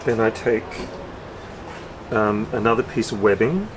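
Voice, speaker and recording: Recorded on a camera mic amid wind and outdoor noise, a man in his fifties shows how he repairs his sailboat, talking through each step while he works on the deck at anchor. He has a lowish voice and takes his time.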